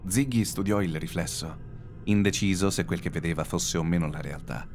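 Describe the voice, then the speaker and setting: Deep-voiced man narrating horror. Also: moderate pace, darkish tone. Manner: dramatic, suspenseful reading. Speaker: audiobook narrator. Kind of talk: scripted horror audiobook narration. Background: faint background music.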